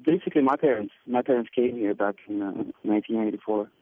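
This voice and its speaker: Speaking fast in a lowish voice, this man from Sudan, a musician in his twenties, hesitates a lot and leans on fillers during a phone interview. There's no echo; the line sounds dry and tinny.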